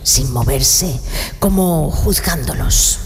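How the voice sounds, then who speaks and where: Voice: mid-range voice, slow, long reverb tail, slight background noise. A game master narrating a comic horror role-playing story.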